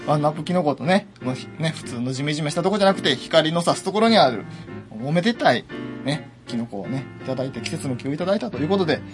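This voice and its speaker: Fast-talking radio host. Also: male voice, fairly high pitch, animated. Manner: chatty, leans on 'ne' fillers. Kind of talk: casual radio talk. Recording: music playing behind.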